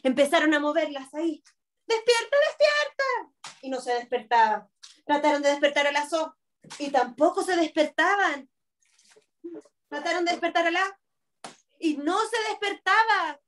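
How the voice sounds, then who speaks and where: A woman's voice: high-pitched, moderate pace, pauses often, a bit bright. A woman teaching kindergarten online, telling a story expressively and asking the children questions over a video call.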